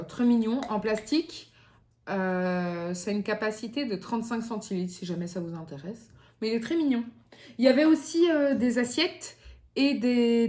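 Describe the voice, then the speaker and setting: A woman's voice: on the high side, a little mellow. A young woman with a Belgian French accent, chatting casually through a shopping haul at home, hesitant and full of fillers. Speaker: vlogger. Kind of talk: casual grocery haul chat. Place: home, near the kitchen.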